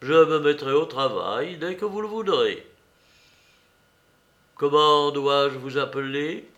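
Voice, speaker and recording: A man's voice: on the high side, animated, takes it slowly, a bit bright. A man voicing a wary young male adventurer who asks polite, deferential questions, read as an audiobook character.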